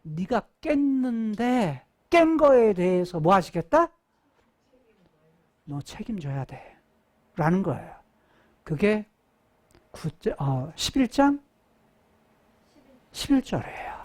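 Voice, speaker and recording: A woman's voice: medium pitch, sing-song, takes it slowly, pauses often, a little mellow. A woman pastor preaching a sermon. She asks questions and answers them herself, acts out quoted speech, and drops to whispers for emphasis.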